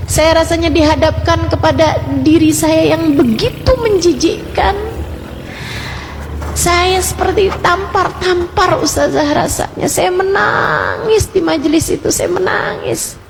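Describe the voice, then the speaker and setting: A woman voicing a remorseful young wife, speaking slowly and softly through tears. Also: high-pitched, vocal fry, background noise. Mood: tearful. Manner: slow, soft, tearful delivery. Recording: reverberant hall with music.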